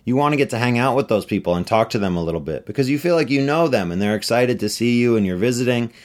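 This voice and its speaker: A middle-aged man, an author, answering interview questions in a relaxed, chatty way with many fillers. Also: medium pitch, fast. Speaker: author on book tour.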